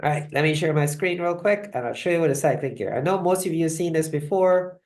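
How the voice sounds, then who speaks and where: A woman's voice: sits low, a little mellow. Woman hosting a live online talk. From Guyana. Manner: conversational, halting, often checks in with "right?". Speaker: host of a live online wellness session. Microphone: video call mic.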